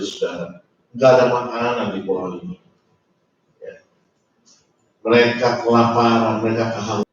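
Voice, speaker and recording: A man preaching a sermon in a church hall, repetitive and emphatic, with frequent call-outs to the congregation. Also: mid-range voice. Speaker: pastor. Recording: echoey church hall, distant mic, dull.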